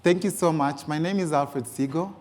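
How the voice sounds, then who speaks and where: A youth organization founder from Mombasa, Kenya, speaking with a Kenyan accent, gives a personal presentation with photo slides and keeps stressing the word "actually." His voice is a little high and a little mellow, at normal speed, with slight background noise.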